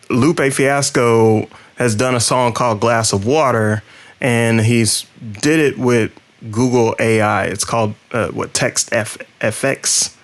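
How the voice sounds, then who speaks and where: A man co-hosting a podcast, introducing the episode in loose, rambling explanations. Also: mid-range voice. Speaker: podcast co-host. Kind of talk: casual podcast chat.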